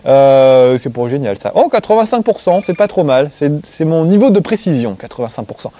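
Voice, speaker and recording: A man with a Corsican accent hosts a video game show, chatting to camera as he plays while joking and poking fun at himself. His voice is fairly high, mellow and very animated, fairly quick, and he is framed close and tight on his face.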